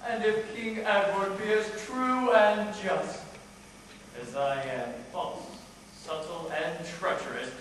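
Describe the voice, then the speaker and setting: A young high school actor plays a bitter, deformed, scheming villain duke, declaiming Shakespeare with deliberate pauses in a high, sharp voice that sounds menacing and calculating. A distant microphone caught the performance in an echoey theatre hall, with faint background noise.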